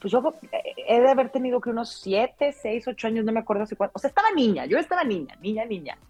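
A woman's voice: a little high, fast talker, soft background music. Chatty Mexican woman telling a story. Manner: lively anecdotal telling, frequent "o sea" and "¿no?" tags. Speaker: radio announcer, guest. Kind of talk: casual interview storytelling.

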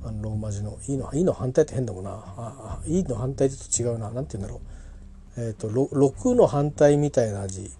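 A man's voice: medium pitch, fast talker, mellow. A man talking casually about a pronunciation book, rambling and often correcting himself with many fillers. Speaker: English pronunciation learner reviewing a book. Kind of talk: casual spoken book review.

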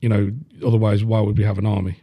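A man's voice: lowish voice, little pitch movement, quick pace, slightly rough, no room sound, lo-fi sound. A man, chatting bluntly on a podcast and swearing freely. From Leicester, England. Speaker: podcast host. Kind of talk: casual chat.

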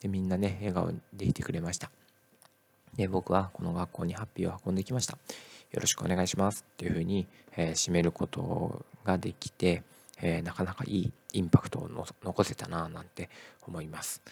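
A middle-aged male teacher talking casually in a podcast monologue, relaxed and full of "eh" fillers. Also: deep voice, gravelly, husky.

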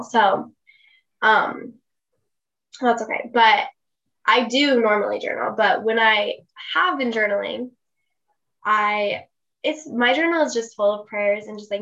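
A woman's voice: mid-range voice, a bit bright, lo-fi sound. A young woman co-hosting a podcast, chatting casually and using plenty of "like" fillers. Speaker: podcast co-host. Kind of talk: casual chat.

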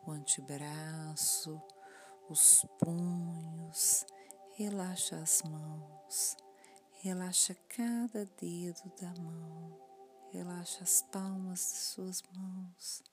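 A woman guiding a relaxation body scan in a soft, often whispered, soothing voice. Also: fairly low pitch. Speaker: meditation guide.

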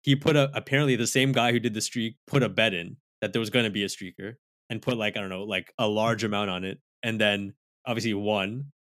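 A man's voice: lowish voice, fairly even intonation, fairly quick, fairly bright tone, no echo. A man with a Toronto accent chatting casually as a podcast co-host in slangy urban street talk. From Toronto area, Canada. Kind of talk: casual chat.

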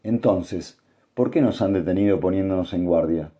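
A weary older male scholar from an audiobook, as a man reads him out. He reasons things through in a tired, deep, mellow voice. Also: moderate pace, slightly rough. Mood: reasoning.

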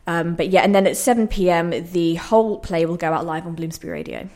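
This woman talks fast, her slightly low voice darkish in tone, as she answers a radio interview as a playwright. She comes across as earnest and reflective, with a conversational, explanatory manner.

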